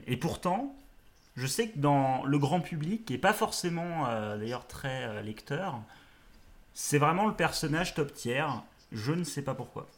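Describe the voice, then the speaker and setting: A man in a casual panel discussion speaks in a medium-pitched voice. He hesitates often and searches for his words, but his opinions come out critical and firm. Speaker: podcast panelist.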